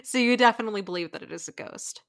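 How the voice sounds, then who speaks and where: A woman's voice: medium pitch, rapid-fire, creaky, a bit bright, no echo, studio quality. A young woman co-hosting a casual podcast, rambling with lots of filler words and frequent giggles. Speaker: podcast co-host.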